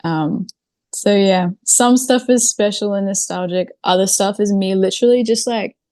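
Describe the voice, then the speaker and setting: Here a woman from New Zealand, a video creator appearing as a podcast guest, chats informally in an interview and keeps dropping in "like" and "literally." Her pitch is medium and her speed normal, with a mellow quality. The recording is dry.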